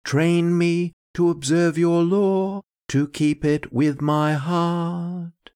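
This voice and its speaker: A man's voice: fairly even intonation, darkish tone, clear, resonant tone. Man chanting in a cathedral echo. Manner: slow sung chant, raised high above his speaking voice. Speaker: priest. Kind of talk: chanting liturgy.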